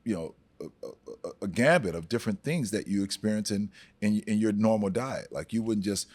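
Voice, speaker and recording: Very deep-voiced man, stumbling easygoing talk. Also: brisk, darkish tone. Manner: stammering, repeats words, easygoing. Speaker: brand ambassador guest. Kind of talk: casual conversation.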